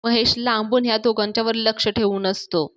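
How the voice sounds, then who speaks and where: A woman's voice: fairly high pitch, steady tone, brisk, fairly bright tone. A woman reviewer retelling a TV serial episode in a storytelling manner, addressing her viewers as "folks".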